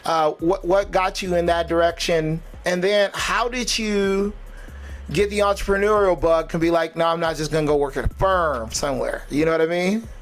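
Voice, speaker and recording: A man hosting a casual interview, enthusiastic, with lots of quick affirmations. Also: fairly high pitch, faint music behind. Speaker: podcast host.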